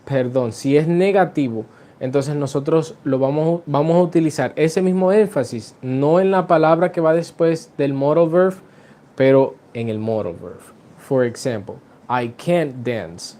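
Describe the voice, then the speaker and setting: A man's voice: a little high, unhurried, dark tone. A man teaching an English lesson to Spanish speakers, switching between Spanish and English and stretching out his example sentences.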